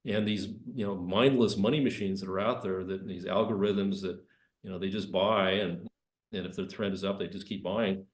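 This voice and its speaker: An investment presenter with a cold delivers conversational market commentary in loose, rambling sentences. His low voice is steady at normal speed, and the room is echoey.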